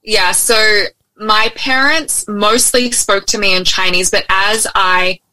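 A young adult Australian woman, her accent tinged with American, chats openly and warmly as a guest in a casual interview over a remote call from her home in Hawaii. Her mid-range voice is steady, slow, pushed and bright, full of ums and restarts. The recording is rough, with no room sound.

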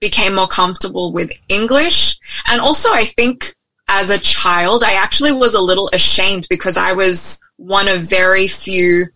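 Speaking from home in Hawaii on a remote call, a young Australian woman with a slightly American-tinged accent is a friendly, open interview guest, often saying um and restarting. Her medium-pitched voice is pushed and bright at a moderate pace, in a rough recording without echo.

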